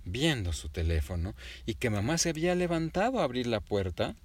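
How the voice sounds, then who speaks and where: A man telling a child an improvised bedtime story, gently and animatedly addressing the listener. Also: mid-range voice, sing-song, a little fast.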